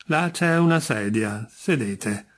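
A man's voice: medium pitch, lively intonation, slow, a bit bright. A man doing a patient, bemused judge. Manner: patient, mildly coaxing. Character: patient, bemused middle-aged male judge.

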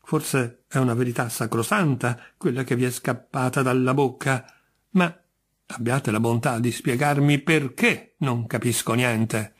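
A man's voice: mid-range voice, unhurried, husky. Patient, puzzled judge, voiced by a man reading. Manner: patient, mildly coaxing. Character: patient, bemused middle-aged male judge.

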